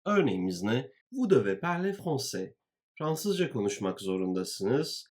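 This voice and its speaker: Man, teacher, grammar walkthrough, unhurried, repeats phrases, lively intonation. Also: medium pitch. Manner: slow, deliberate, repeats phrases. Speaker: French teacher.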